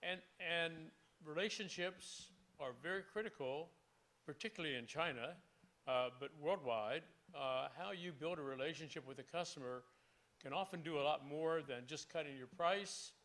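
Man, panelist, bright voice, slightly high, hesitant. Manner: hesitant, many fillers. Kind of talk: panel discussion.

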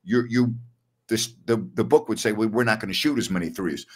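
An older man with a low voice hosts a postgame basketball show from home over a webcam. He talks firmly and opinionatedly, repeating words for emphasis. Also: fairly quick, a little mellow. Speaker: sports talk host.

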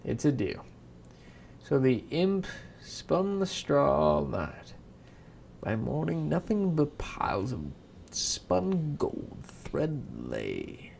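A man's voice: on the high side, huge pitch swings, drawn-out words, vocal fry, darkish tone, a little hiss or hum. A young man reading a fairy tale aloud as a casual bedtime story, unpolished and breaking off to swear and laugh at himself.

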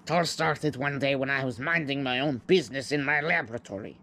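A man's voice: mid-range voice, a little fast, pushed and bright, a little hiss or hum, pitched below the performer's own voice, natural voice. Man doing a stammering pig professor. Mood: explaining. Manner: stammering, nervous, explaining. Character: flustered older male pig scientist.

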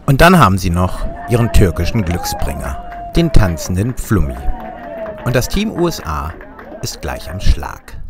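A German man narrates his sailing travel vlog in a scripted voice-over, tossing off dry, wry asides. His voice sits low and swings widely in pitch, with music playing underneath. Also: wildly swooping pitch, measured pace, crowd noise.

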